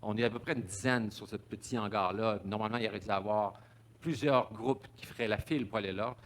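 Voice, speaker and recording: A man's voice: lowish voice, fast, heavy background noise. A man giving a public talk, stumbling over repeated words and fillers. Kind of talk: public lecture with slides.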